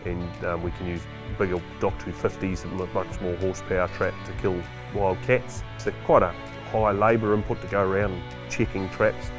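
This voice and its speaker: A man's voice: deep voice, level tone, moderate pace, few pauses, over music. A male farmer with a broad New Zealand Kiwi accent, explaining things casually in a matter-of-fact, laconic way. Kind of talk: casual explanatory talk to camera.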